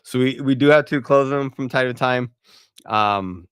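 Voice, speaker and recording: This time the voice sits mid-range, a little slow, slightly bright and clean, captured in a dry, clean studio recording. He is a Spanish-speaking partnerships director from Puerto Rico using English as a later language, chatting loosely through a casual livestream Q&A with many fillers and restarts.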